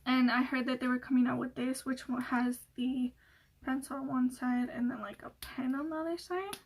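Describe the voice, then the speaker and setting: A young woman with a high voice talks casually to her viewers in a relaxed Q&A. She rambles and restarts her sentences, fills pauses with fillers, and laughs easily. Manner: giggly, laughs often. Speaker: beauty vlogger. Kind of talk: casual Q&A chat.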